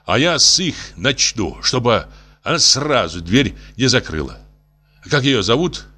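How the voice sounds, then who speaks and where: A man's voice: mid-range voice, sing-song, a little slow, bright, forceful tone, breathy edge, pitched above the performer's own voice, exaggerated voice. A man voicing a simple, blunt plumber who barks orders in plain words.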